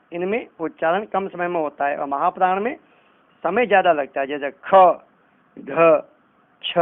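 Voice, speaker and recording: Guy teaching a lesson super slowly, says each sound carefully, sounds like it's over a phone. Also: sits high. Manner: carefully pronounces each sound, contrasting wrong and right forms. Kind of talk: slow, deliberate classroom lesson. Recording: tinny, phone-like narrow sound.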